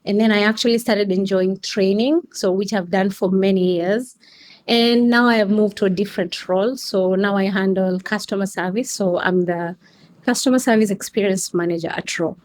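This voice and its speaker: A Kenyan coffee customer experience manager, appearing as a guest, gives casual answers in a steady, slightly mellow voice of medium pitch. Unhurried, she frequently restarts her sentences and fills pauses.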